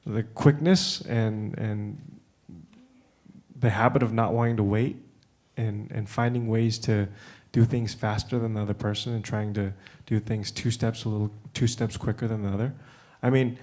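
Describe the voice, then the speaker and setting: In a conference room, an American-raised panelist with a fairly low voice speaks casually. His relaxed delivery is full of restarts and fillers such as "um" and "uh."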